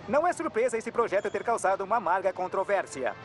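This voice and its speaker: A man narrating in the brisk, emphatic manner of a 1940s newsreel announcer. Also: high voice, lively intonation, faint music behind.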